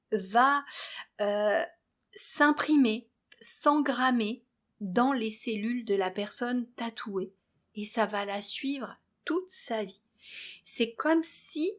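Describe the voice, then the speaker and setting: A woman hosting a spiritual guidance channel, talking in a measured, earnest way with hesitant restarts. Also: a little high. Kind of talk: spoken spiritual guidance monologue.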